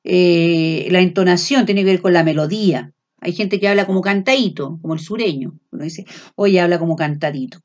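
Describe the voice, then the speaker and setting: Chilean woman teacher lecturing loudly without shouting, full of filler sounds and quick checks, on a dull lo-fi recording. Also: on the low side. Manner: speaks loud without shouting. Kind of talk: classroom lecture.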